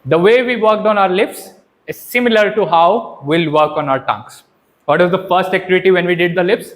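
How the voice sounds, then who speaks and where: Here a brisk, high-pitched male trainer runs a hands-on public speaking workshop. He keeps things animated and instructive, regularly posing questions and checking in.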